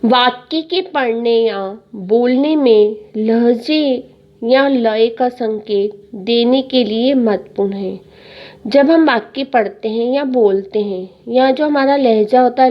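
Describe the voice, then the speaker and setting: Woman teacher, children's grammar lesson, slow and careful, fairly high voice, dull lo-fi recording. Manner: slow, repeats each point in simpler words. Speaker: school teacher.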